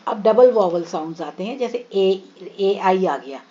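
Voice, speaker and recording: A woman with an Indian English accent teaching phonics to children, sounding out each word slowly and mixing Hindi with English. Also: medium pitch, expressive, dark tone, muffled recording. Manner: slow, drawn-out teaching voice, sounding out words one by one; mixes Hindi and English, addresses students as children. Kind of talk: online phonics lesson for children.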